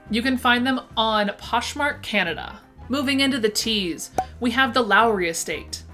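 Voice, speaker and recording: Upbeat lady with a lispy slushy s, really bright voice, reading out a list, bit of music behind. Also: on the high side. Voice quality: lisp, slushy s sounds. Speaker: presenter of a vintage shop roundup. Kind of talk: upbeat scripted list narration to camera. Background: background music.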